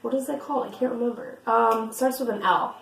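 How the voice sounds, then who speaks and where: A young woman with a raspy voice, chatting earnestly and encouragingly as a vlog co-host. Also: a little high, fairly even intonation, brisk, reverberant, a little hiss or hum, low-quality recording. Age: young adult. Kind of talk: casual chat.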